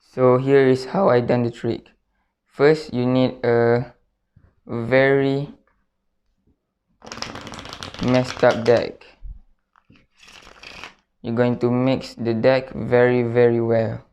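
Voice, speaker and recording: Even-toned man giving a lo-fi tutorial. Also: mid-range voice, takes it slowly, long pauses. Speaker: card trick tutorial presenter. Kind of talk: step-by-step spoken tutorial. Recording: dull, lo-fi sound.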